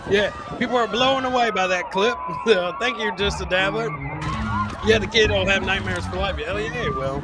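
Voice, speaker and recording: Here the comedy podcast host has a high-pitched voice at a normal speed, with heavy background noise behind him. He reads chat comments aloud in casual, comic live-stream commentary, joking around and repeating phrases for effect.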